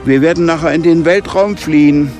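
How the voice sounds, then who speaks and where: A man's voice: medium pitch, animated, measured pace, music in the background, pitched above the performer's own voice. A man voicing an urgent, eager teenage boy who leads an adventure in a storybook. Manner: raised, eager, pushy.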